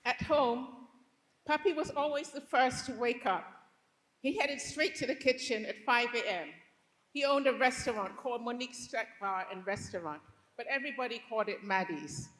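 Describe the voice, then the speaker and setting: A Liberian woman with a fairly high, fairly bright voice tells a true story to a live audience at normal speed, reflective and earnest. She is on stage, where a long hall reverb trails her words.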